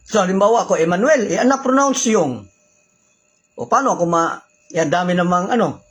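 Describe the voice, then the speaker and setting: A man's voice: high-pitched, lively intonation, moderate pace, a bit bright, husky, poor audio. A Filipino man with a Filipino accent, teaching religious law in a casual way, switching between Tagalog and English, using polite particles and asking rhetorical questions. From Philippines.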